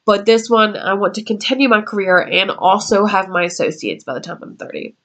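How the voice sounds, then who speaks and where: A woman's voice: medium pitch, fairly quick, a bit bright. Chatty woman in her twenties vlogging. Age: 20s. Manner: chatty, meandering, with frequent ums. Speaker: YouTuber. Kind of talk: casual vlog talk. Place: her room at home.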